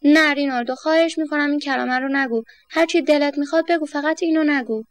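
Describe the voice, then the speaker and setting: A fretful, pleading middle-aged aunt from a storybook, easily frightened and quick to faint, as a woman reader puts her on. The voice sits high and close, with a dry, unechoing sound. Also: no echo, natural voice. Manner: pleading, anxious.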